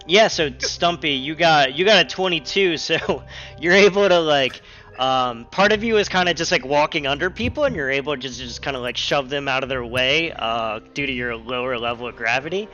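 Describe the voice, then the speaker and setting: A man narrating a tabletop game as game master, easygoing and full of fillers. His voice is bright and a bit edgy. It is heard through dull, lo-fi online call audio. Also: fairly high pitch, lively intonation, normal speed, soft background music. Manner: casual, full of ums and likes. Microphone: online call mic.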